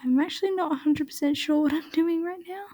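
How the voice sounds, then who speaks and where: A woman's voice: high voice, brisk, mellow, no room sound. A woman chatting casually in a voice-over while she draws, rambling and often dropping to a half-whisper. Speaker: art channel creator.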